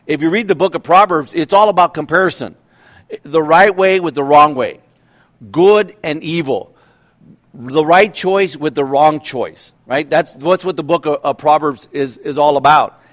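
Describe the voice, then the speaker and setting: A man's voice: fairly high pitch, normal speed. A pastor in his fifties giving a conversational sermon, asking rhetorical questions and often restarting his sentences. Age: 50s.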